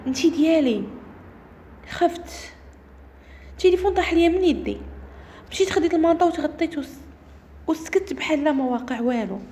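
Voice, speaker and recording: A woman with a Moroccan Arabic accent tells a first-person horror story at a rapid clip. Her voice sits high, yet its tone is soft and mellow rather than bright. She keeps the telling brisk and suspenseful. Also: a little hiss or hum.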